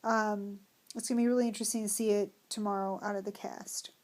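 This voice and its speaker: A woman's voice: medium pitch, flat delivery, a little mellow. Candid American woman vlogging casually. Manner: candid, self-deprecating, hesitant pauses mid-thought. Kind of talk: casual personal vlog, talking through questions.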